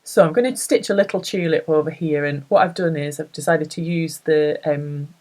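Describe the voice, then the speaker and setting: A woman's voice: deep voice, normal speed, darkish tone, low-quality recording. A woman with a Northern English accent, chatting casually as she demonstrates embroidery stitches and thinks aloud as she works. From northern England. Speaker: embroidery tutor. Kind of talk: casual craft tutorial.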